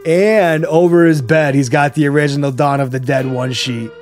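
A man's voice: a little high, fairly even intonation, normal speed, darkish tone, faint music behind. A man with a Buffalo, upstate New York accent, chatting casually and enthusiastically as a podcast co-host, with plenty of swearing and slang. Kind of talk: casual chat about horror movies.

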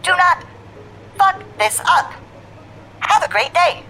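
A man running a tabletop game, voicing a polite female robot butler in a high falsetto. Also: expressive, takes it slowly, pushed and bright, a little hiss or hum, heavily acted. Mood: polite, cheerful.

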